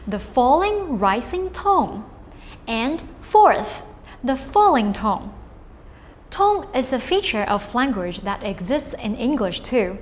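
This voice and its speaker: A woman teaching a lesson on Chinese tones, speaking slowly and clearly and modelling drills for the listener to repeat. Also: fairly high pitch, long reverb tail, slight background noise. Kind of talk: scripted lesson narration.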